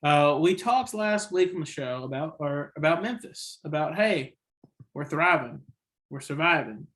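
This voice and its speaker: A man's voice: a little high, animated, a little slow, a bit bright. A man hosting a casual sports podcast, rambling and opinionated, correcting himself often, with the hiccups. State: has the hiccups. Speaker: podcast host.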